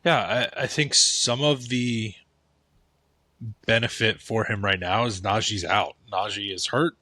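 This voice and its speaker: Man, low bright voice, dry close mic, casual sports chat, thoughtful. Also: measured pace, dry recording. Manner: thoughtful, repeats "I think" and restarts. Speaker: podcast co-host. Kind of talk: casual fantasy football chat.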